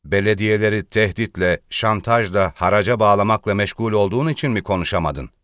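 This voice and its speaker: A mocking, sharp-tongued male politician who jabs with sarcasm, voiced by a man reading a column. The low voice sounds dry and close. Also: fairly quick, dry recording, lightly acted. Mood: taunting.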